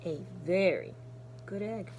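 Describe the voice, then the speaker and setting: A kindergarten teacher with a lowish voice reads a storybook to young children in an animated, deliberate way, adding asides in a hushed, breathy tone. Slight background noise is present.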